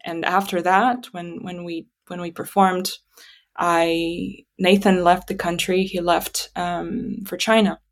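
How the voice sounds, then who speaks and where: A woman whose native language is Russian speaks in a slightly low voice. She tells stories about herself conversationally, pausing and thinking aloud as she goes. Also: little pitch movement. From Kazakhstan. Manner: halting, reflective, thinking aloud. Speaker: interview guest. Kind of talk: conversational personal storytelling.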